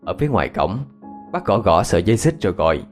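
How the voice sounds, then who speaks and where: A man tells a scripted ghost story in a dramatic, expressive way. His voice sits low but moves widely, and soft music plays beneath his narration. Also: fast talker.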